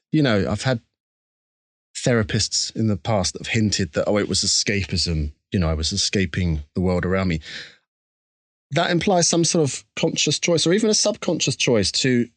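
A musician from Essex, England, speaks with an Essex accent in a medium-pitched voice, recorded with no room sound. As a guest in a casual interview, he talks candidly and reflectively, with a self-deprecating, conversational manner.

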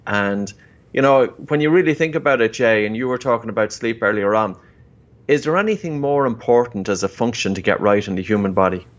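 A man's voice: on the low side, a little fast. A man giving explanatory health advice as an expert in conversation, instructive and repeating key phrases for emphasis. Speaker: breathing expert guest and co-host. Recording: dull, band-limited remote audio.

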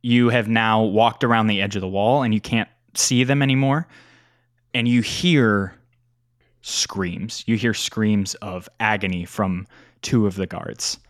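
A man narrating a tabletop game as game master, describing scenes in an unhurried way. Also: on the low side, dry recording, clean studio sound.

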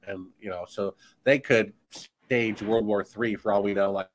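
A man's voice: fairly low pitch, steady tone, measured pace, a little hiss or hum. A man speaking as a guest author in a podcast conversation, talking in an emphatic, insistent, preachy way.

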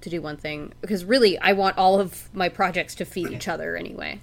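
A woman's voice: on the low side, steady tone, a little fast, vocal fry. A woman co-hosting a podcast in casual chat, talking with many fillers into a home mic. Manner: chatty, with many fillers and laughs. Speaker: podcast co-host.

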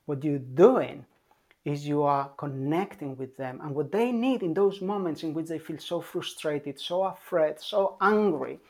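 Calm parenting coach who keeps asking "yeah?". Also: medium pitch, a little slow. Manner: calm and emphatic, checks in with a frequent "yeah?"; repeats key points for emphasis. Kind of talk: advice talk to parents.

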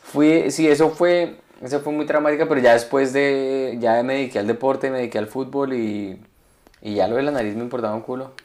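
A young man, co-hosting a comedy podcast, telling animated stories and swearing freely. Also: mid-range voice, fairly quick. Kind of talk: casual chat.

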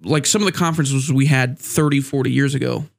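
A man's voice: medium pitch, fairly even intonation, a little fast, creaky. A man with a stuffy, congested nose and a mild sore throat, hosting a casual sports podcast in a rambling, conversational way. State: mildly sick with a sore throat. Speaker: podcast host.

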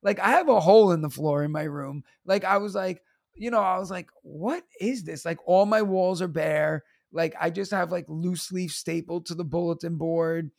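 New teacher with a gravelly voice. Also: male voice, a little high, normal speed, dry recording, clean studio sound. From United States. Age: 30s. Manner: animated, laughing, acts out voices in his stories. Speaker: teacher and stand-up comedian, guest. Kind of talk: casual storytelling interview.

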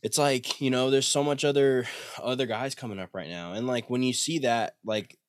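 A young podcast co-host with a mid-range voice talks at normal speed, bantering loosely about fights with slang and swearing.

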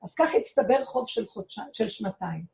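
Rebbetzin type, woman, dramatic testimony storyteller, gravelly fry, dull lo-fi recording. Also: on the high side, very animated, mellow. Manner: dramatic storyteller who acts out her own cries and quotes. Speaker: rebbetzin giving a talk. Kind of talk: personal testimony told to an audience.

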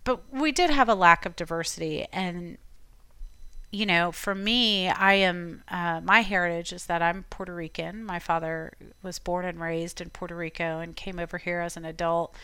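A woman from Florida hosting a podcast, giving chatty, encouraging advice in a relaxed conversational way. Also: fairly low pitch, moderate pace, clear, resonant tone, no room sound. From Tampa, Florida. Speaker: podcast host. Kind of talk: casual advice talk.

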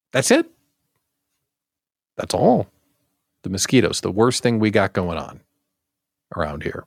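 An American man with a creaky, mid-range voice hosts a daily live show for small business owners, bantering playfully and repeating words for emphatic, comic effect. It's a dry recording of studio quality.

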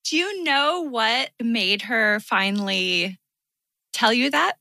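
A woman asks a guest easy, friendly questions with a bright, lively voice that moves up and down a lot. She speaks slowly, and the sound is dry and close. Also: on the high side, dry recording. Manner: friendly, laughs along with the guest. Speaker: interviewer. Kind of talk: casual interview questions.

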